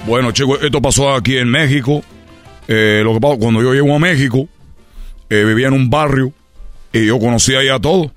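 A man's voice: mid-range voice, a little fast, dry recording, soft background music, close to an everyday voice. A man voicing a boastful male Cuban baseball player with a Cuban accent, telling a story in a radio comedy sketch. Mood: brash, boastful. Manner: brash storytelling, loud exclamations.

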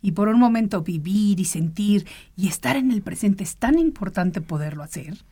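A woman's voice: medium pitch, expressive, moderate pace, mellow, breathy edge. A woman hosting an interview, affirming her guest with frequent short agreements and asking questions. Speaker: host.

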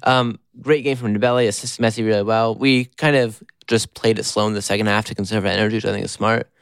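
A young man co-hosting a podcast, talking quickly and knowledgeably about football in a casual chat. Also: fairly low pitch, fairly even intonation, clean tone, no echo, studio quality. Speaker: podcast co-host.

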